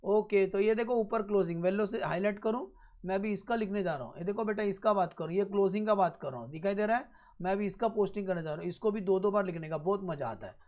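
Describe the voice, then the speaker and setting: A man teaching an accounting class, repeating each point slowly and often checking that students follow, with blunt joking asides. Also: high voice, a little mellow. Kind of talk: classroom lecture.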